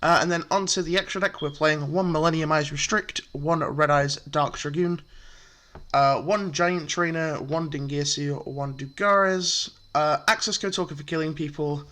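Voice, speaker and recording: A man's voice: on the high side, fairly even intonation, moderate pace, fairly bright tone. A man casually walking through a card game deck, chatty and full of fillers, explaining step by step. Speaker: deck profile presenter.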